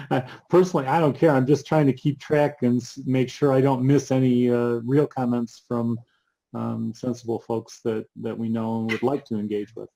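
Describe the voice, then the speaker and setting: A man co-hosting a casual book show, halting and full of ums, with dry asides. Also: mid-range voice, flat delivery, creaky, warm tone, low-quality recording. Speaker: co-host. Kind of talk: casual chat about books.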